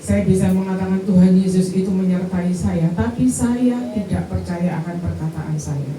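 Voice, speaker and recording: A woman's voice: fairly low pitch, moderate pace, noisy background. A middle-aged woman, telling the congregation her personal testimony in a church hall. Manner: personal storytelling, addresses congregation directly. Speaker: church member giving testimony. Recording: echoey church hall from far off.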